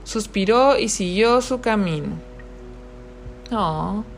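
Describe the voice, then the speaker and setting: A woman's voice: mid-range voice, soft background music. A woman reading a children's story aloud and asking the young listeners questions about it. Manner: warm questioning of the children, slow expressive reading.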